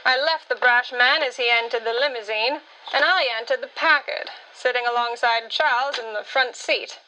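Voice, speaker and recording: A woman's voice: on the high side, normal speed, pushed and bright, a little hiss or hum, rough recording. A woman narrating and acting her own part in a radio drama, witty and self-assured. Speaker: storyteller.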